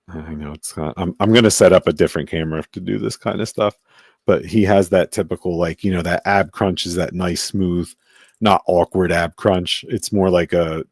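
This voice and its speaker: A man with a very low voice hosts a casual live-stream toy review, rambling and thinking aloud as he handles a figure. The sound is dry and close, with no room around it. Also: no echo. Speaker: toy collector host.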